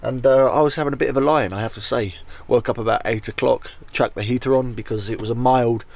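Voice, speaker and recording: A young man chatting excitedly to camera as a van life vlogger inside his small camper van. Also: mid-range voice, fast talker. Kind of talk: casual vlog narration to camera. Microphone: camera held or set close.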